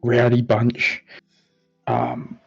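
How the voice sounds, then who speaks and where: A man's voice: medium pitch, completely flat delivery, extremely slow, creaky, breathy edge, dull audio, soft background music, heavily acted. A man doing a flustered, over-polite adventurer. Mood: fake-apologetic. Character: flustered male adventurer bluffing guards.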